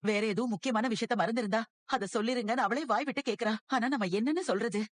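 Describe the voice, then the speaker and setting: A woman plays a worried mother who laments her daughter's troubles. Her voice is fairly high and the sound is dry and close. It is television serial drama. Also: quick pace, no echo, lightly acted. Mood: lamenting.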